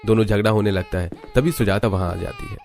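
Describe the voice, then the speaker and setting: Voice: low voice, fast. एक कथावाचक एक हिंदी कार्टून कहानी को लिखे हुए अंदाज़ में, सधे सुर में सुनाता है।. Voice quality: even, storytelling. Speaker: narrator. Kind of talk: scripted story narration.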